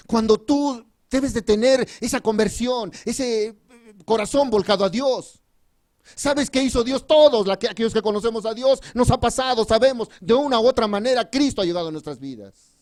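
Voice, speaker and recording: A man from Mexico preaching a sermon with a personal testimony at a church retreat. He is fervent and swings between loud emphasis and quiet, confiding asides. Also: sits high.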